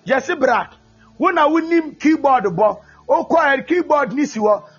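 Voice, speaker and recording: A man preaching a fervent sermon, often shouting and mixing English with Twi. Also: very high voice, expressive, unhurried. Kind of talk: sermon with prayer. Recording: dull lo-fi recording with faint music.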